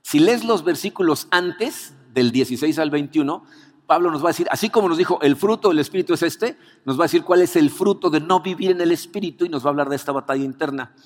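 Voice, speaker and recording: A man's voice: on the high side, fast. Man preaching in a reverberant hall. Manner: animated storytelling with rhetorical questions. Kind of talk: sermon.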